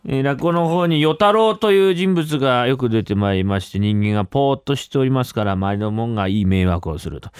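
A man's voice: mid-range voice, brisk, hardly any pauses, clean tone, no room sound, studio quality. A man telling a rakugo story in polite storyteller's patter.

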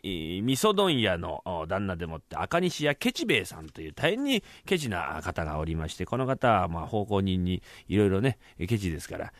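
A man hosting a radio segment and telling a rakugo story in a rough, joking, traditional way. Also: low-pitched, no room sound.

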